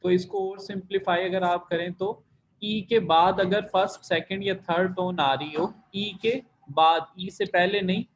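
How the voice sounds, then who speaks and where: Guy teaching online class, kinda high voice, patient, repeats stuff step by step, muffled lo-fi audio. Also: fairly even intonation, normal speed. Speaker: Chinese language teacher. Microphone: computer mic in video call.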